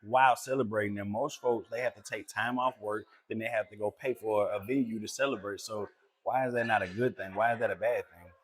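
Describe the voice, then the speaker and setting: A man's voice: on the low side, steady tone, fairly quick, slightly rough. A man co-hosting a casual chat about running a business, asking playful, probing questions. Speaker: co-host, business owner.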